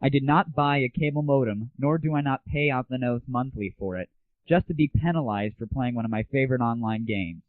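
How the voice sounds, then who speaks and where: Brisk and medium-pitched, the man hosting this one-person internet audio show is crude, sarcastic and irreverent in his casual scripted monologue on games and the internet. There's no room sound; the audio is muffled, dry 1990s lo-fi.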